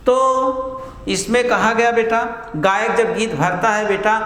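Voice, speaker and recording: High-pitched man teaching in an echoey room. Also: steady tone, a little slow, a bit bright. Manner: addresses students as beta, asks and answers own questions; stretches vowels long to demonstrate. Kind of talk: classroom grammar lesson. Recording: echoey room with mains hum.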